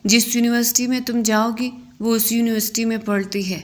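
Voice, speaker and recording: A woman's voice: fairly high pitch, steady tone, close to an everyday voice. A woman voicing a teasing young husband. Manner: confiding, muttering.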